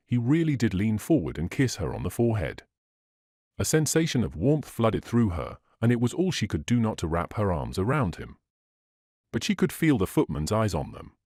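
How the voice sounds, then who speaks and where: A man reading a romance audiobook in a measured, expressive scripted narration on a close studio mic. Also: on the low side, no echo.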